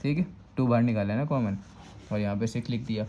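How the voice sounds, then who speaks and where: A patient male math teacher with a Karachi Urdu accent works through a problem step by step, checking in often. His voice is very dark and mellow at an ordinary pitch. A faint hiss sits under the recording. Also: fast, dull audio. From Pakistan. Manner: patient, repeats "thik hai" to check understanding.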